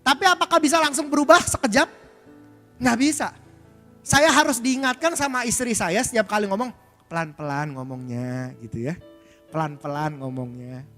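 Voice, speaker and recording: A man's voice: very high-pitched, a bit bright. A male pastor preaching a conversational sermon, speaking directly to the congregation and using frequent filler tags. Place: church hall. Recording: church hall reverb with faint music.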